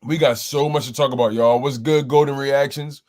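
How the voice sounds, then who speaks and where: Medium in pitch with a steady, darkish tone and a moderate pace, this man hosts a casual sports call-in livestream. His throat is a bit rough, so he sounds slightly scratchy, and he keeps exclaiming, greeting the chat and repeating himself.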